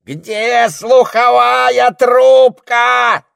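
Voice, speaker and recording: A man voicing an irritable old male parrot who yells and squawks in exasperation, in an audiobook. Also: wildly swooping pitch, very slow, dry recording, clean studio sound, heavily acted. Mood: shouting. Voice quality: shrill, gravelly. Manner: yelling, exasperated.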